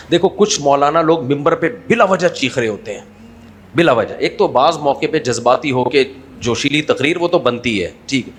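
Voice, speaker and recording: A man's voice: on the high side, fairly bright tone, slight background noise. Pakistani man preaching with playful humor. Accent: Pakistani Urdu. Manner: conversational, mocking asides, acts out quoted voices. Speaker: Islamic scholar giving a talk. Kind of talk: humorous religious talk.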